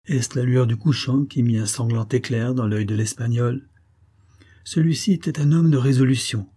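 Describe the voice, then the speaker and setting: A man reading a serialized adventure novel aloud in a measured, dramatic way. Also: medium pitch, mellow, slightly rough. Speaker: audiobook reader.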